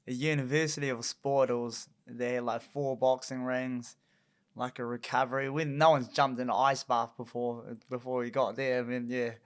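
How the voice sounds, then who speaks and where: A young man with a New Zealand accent, a guest on a casual interview, chatty and quick to laugh as he tells stories. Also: mid-range voice, flat delivery, smooth. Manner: chatty, laughs often while telling stories. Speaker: guest boxer.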